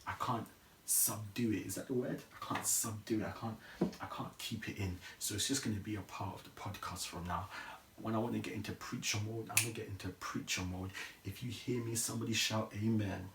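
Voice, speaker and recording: A man hosting a casual motivational podcast, earnest and encouraging, often restarting his sentences. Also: lowish voice. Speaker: podcast host. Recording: echoey room, distant mic, noisy.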